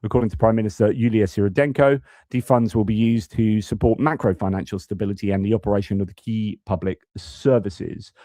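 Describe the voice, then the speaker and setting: A little fast and low-pitched, the mellow voice of a young man from the United Kingdom rants casually about politics on his live news stream, with frequent restarts and stammered repeats. It's studio quality with no room sound.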